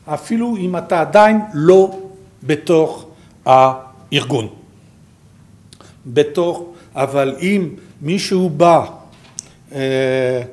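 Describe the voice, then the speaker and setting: A man with a French accent gives an informal slide presentation as a programme director, haltingly searching for his words. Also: a little high, darkish tone.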